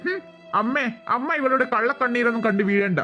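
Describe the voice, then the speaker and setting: A woman's voice: fairly high pitch, brisk, bright, forceful tone, soft background music. A woman voicing a blunt, outspoken young man in a cartoon, mocking and impatient. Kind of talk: cartoon voice acting.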